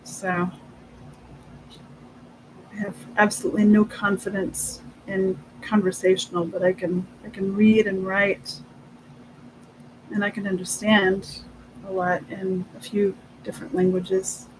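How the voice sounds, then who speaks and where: A person chatting casually and haltingly, trailing off mid-thought and switching between English and Spanish. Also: mid-range voice, flat delivery, noisy background. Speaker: livestream host of an inking session. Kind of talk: casual chat.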